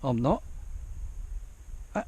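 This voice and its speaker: A man's voice: drawn-out words, warm tone. A man with an Australian accent chatting casually to his viewers, rambling, repeating himself and swearing freely. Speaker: vlogger. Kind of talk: casual rambling chat to camera.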